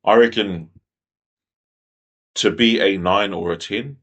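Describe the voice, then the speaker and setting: A man speaks in an easygoing, thoughtful podcast interview. His voice sits very low with a gravelly, husky edge. He circles back and repeats phrases as he works through an idea. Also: slow, fairly bright tone. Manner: thoughtful, reflective, repeats phrases while thinking. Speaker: guest. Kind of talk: casual conversational interview.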